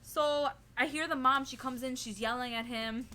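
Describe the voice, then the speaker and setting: A young woman with a high, bright voice tells a story for her vlog. She leans on "like" and "you know" constantly and retells it in an animated, giggly way. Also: normal speed. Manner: chatty, heavy on "like" and "you know". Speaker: vlogger. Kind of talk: casual storytelling to camera.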